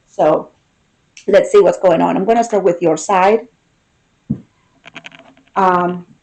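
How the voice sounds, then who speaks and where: Slow, lower-pitched woman reading tarot. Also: darkish tone, rough recording. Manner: unhurried, pausing, thinking aloud. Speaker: tarot reader. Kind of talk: unscripted tarot reading, intimate talk to the listener.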